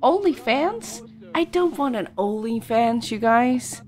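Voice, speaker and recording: A woman's voice: a little high, animated, slow pace, a little mellow. A woman streamer chatting casually with her viewers, reacting to chat with frequent laughter and yawning from tiredness.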